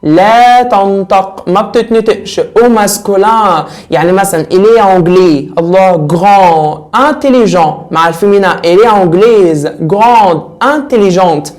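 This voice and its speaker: A young man with an Egyptian Arabic accent teaching French grammar in a casual, lively way. He keeps repeating words and putting questions to his students. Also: sits high, moderate pace, few pauses. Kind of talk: casual classroom lesson.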